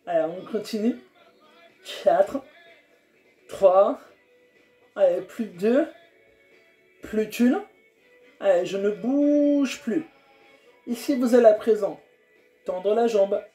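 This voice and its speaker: Man, fitness coach, slow counted instructions, mellow tone, roomy sound with faint music. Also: high voice. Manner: encouraging, counts down reps, coaxing. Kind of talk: guided home workout instruction.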